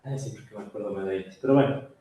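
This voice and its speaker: A man's voice: fairly low pitch, racing, warm tone. Male economics lecturer, casual classroom delivery, roomy echo with faint noise. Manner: chatty, asks frequent tag questions.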